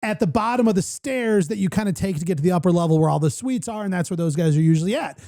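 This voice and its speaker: A man's voice: sits high, fast. A man hosting a casual podcast chat, telling stories with lots of energy and acting out the voices of other people. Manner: animated storyteller, acts out voices. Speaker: podcast host.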